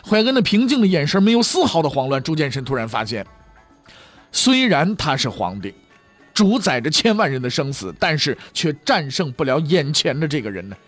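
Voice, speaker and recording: A man's voice: fairly high pitch, sing-song, fairly quick, fairly bright tone, soft background music. A male storyteller telling history in a humorous, chatty storytelling style, often asking the listener rhetorical questions. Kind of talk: comic pingshu storytelling.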